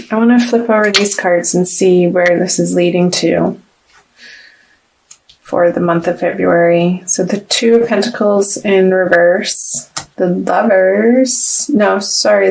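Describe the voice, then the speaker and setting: Slow, gravelly-voiced woman reading tarot. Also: mid-range voice, steady tone, poor audio. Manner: slow, halting, with many restarts and ums; soft and reflective, pausing to consult the cards. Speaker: tarot reader. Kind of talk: casual tarot reading to camera.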